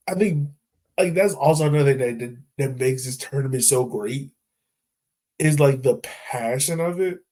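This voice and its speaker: A man with a fairly high, warm voice co-hosts a casual sports podcast, talking loosely in a laid-back, chatty style and leaning heavily on "like" and "right?"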